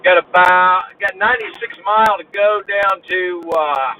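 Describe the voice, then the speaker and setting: A man's voice: high voice, a little slow, sharp tone. A man driving a truck, chatting casually with viewers of his live stream and greeting them by name. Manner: drawling, talks to chat viewers by name. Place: truck cab on the road. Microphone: phone. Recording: dull phone recording with road noise.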